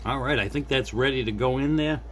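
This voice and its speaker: Sitting at an indoor desk, this middle-aged hobbyist repair video maker talks viewers through a casual, unscripted fix, thinking out loud. His mid-range voice is a bit bright and fairly quick, with background noise and room ambience in the recording.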